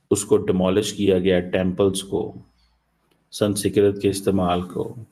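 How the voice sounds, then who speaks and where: A man giving political commentary in a halting way, mixing English phrases into his speech. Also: fairly low pitch, dark tone, low-quality recording.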